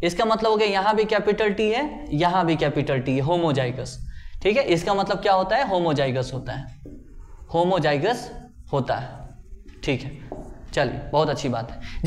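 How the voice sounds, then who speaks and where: Playful man teaching biology. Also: high-pitched. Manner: playful, voices student questions himself and answers them; checks often whether the class follows. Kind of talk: classroom lecture.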